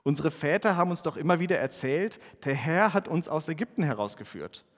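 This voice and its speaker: A man's voice: animated, fairly quick, long reverb tail. A man reading the part of an anxious young farmer-warrior who pleads and questions, his voice raised a little. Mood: doubting. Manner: pleading, questioning, a bit higher and louder.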